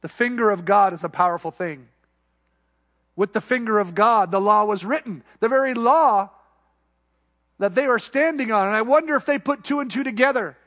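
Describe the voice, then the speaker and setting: A male pastor preaching a sermon to his church, building to emphatic peaks and dropping to quiet, soft asides. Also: high-pitched, normal speed.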